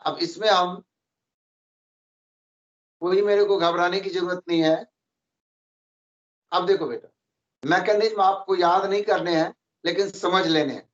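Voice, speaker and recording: A man's voice: sits high, fairly even intonation, unhurried, pauses often, fairly bright tone. A man teaching chemistry in an online class, patiently explaining and calling his students "beta" all the time. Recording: roomy, muffled online call audio.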